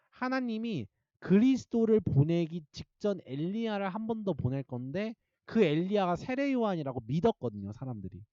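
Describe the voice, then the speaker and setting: A man teaching a youth Bible class, his voice rising and falling a lot as he acts out the quoted dialogue. His tone is mellow and he sounds a bit higher than most men. The recording is dull and dry. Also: no echo. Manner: lively, colloquial, acts out quoted lines. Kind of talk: explaining quiz answers to teens.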